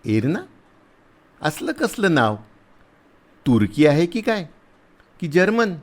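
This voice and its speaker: A big, rough soldier who blusters and scolds at the top of his voice, teasing even as he shouts, as a man acts him out. His voice leaps up and down in pitch, and it is pitched a bit above the reader's own. The whole thing is a storybook reading. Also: slow. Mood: blustering. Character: big gruff soldier, blustering but kind.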